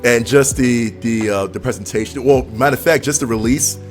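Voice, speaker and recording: A man's voice: medium pitch, a little fast, soft background music. A man as a podcast guest in casual chat, talking in a laid-back, slangy way with lots of fillers.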